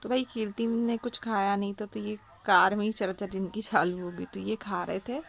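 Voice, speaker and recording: A woman's voice: mid-range voice, steady tone, normal speed, creaky, a little hiss or hum. A woman narrating a casual recap of a family's vlog, chatty and full of fillers. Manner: chatty, filler-heavy storytelling with "to" and "matlab".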